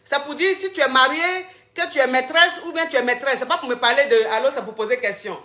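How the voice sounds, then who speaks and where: A woman's voice: high-pitched, quick pace, sharp tone, reverberant. A woman hosting a live call-in show on a livestream, chatting casually and teasing her callers with playful repetition.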